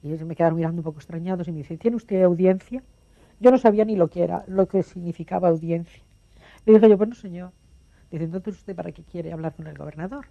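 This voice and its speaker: A woman's voice: lowish voice, fast talker, creaky, warm tone, highs cut off. An older woman from Galicia recalling her past as a documentary witness, vividly acting out the voices in her memories. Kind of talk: personal recollection.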